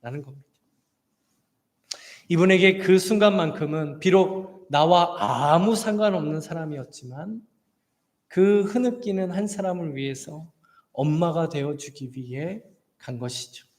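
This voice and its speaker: A man's voice: a little high, measured pace, a little mellow. A male pastor delivering an earnest sermon, telling a story from the pulpit microphone. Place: church sanctuary. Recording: long church hall reverb.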